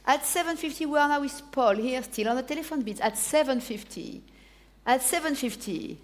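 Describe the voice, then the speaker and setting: A woman with a high voice and a French accent runs a live auction. She calls the bids, repeats each figure and nudges bidders by name. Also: animated, moderate pace. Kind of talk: live auction bid-calling.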